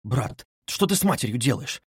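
A man voicing an indignant young sister who speaks sharp and reproachful. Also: medium pitch, big pitch swings, moderate pace, slightly rough, dry recording, clean studio sound.

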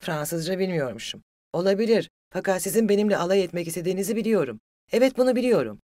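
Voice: medium pitch, expressive, quick pace, a little mellow, dry recording, studio quality, pitched above the performer's own voice, close to an everyday voice. A narrator voicing a proud, hot-headed young male suitor who talks in a raised, agitated and mocking way. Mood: furious.

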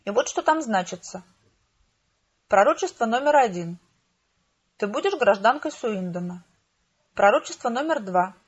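Brief: female audiobook reader, first-person, fairly high voice, steady and expressive, muffled home recording. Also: normal speed, long pauses, husky. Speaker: audiobook narrator.

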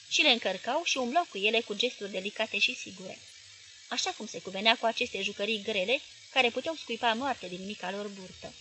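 Woman reading a novel aloud, bright clear voice, a bit high, expressive. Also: low-quality recording. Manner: expressive, measured. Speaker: audiobook reader. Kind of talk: literary audiobook narration.

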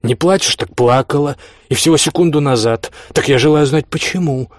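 A man voicing a drunken, brutal gentleman who shouts rough threats in a dry, close recording. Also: mid-range voice, normal speed, dry recording, close to an everyday voice. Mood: bullying, roaring.

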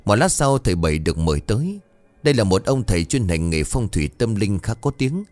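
Low-voiced man narrating horror. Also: fairly quick, dry recording. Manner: dramatic, expressive storytelling. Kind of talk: scripted horror story narration.

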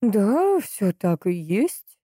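Woman doing a creaky old granny on the phone. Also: medium pitch, very animated, drawn-out words, mellow, no room sound, studio quality, voice pushed up, full character voice. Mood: grumbling.

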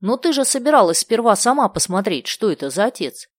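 A woman's voice: lowish voice, big pitch swings, moderate pace, no room sound, studio quality. A woman voicing a nosy, suspicious adult woman who keeps asking prying questions.

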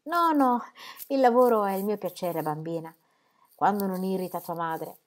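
A woman voicing a calm, caring older father who speaks gently and warns kindly, in an audiobook reading. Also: medium pitch, moderate pace, natural voice.

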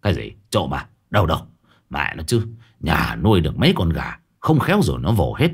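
A man voicing a gruff, swearing middle-aged village husband in a ghost story. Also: extremely low pitch, huge pitch swings, brisk, pitched below the performer's own voice, full character voice. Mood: angry.

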